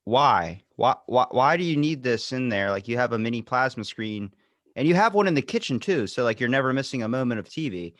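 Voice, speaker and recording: A podcast host chats loosely and profanely, telling stories packed with quoted back-and-forth dialogue. His mid-range voice is expressive, fairly quick, and fairly bright, captured in a dry, clean studio recording.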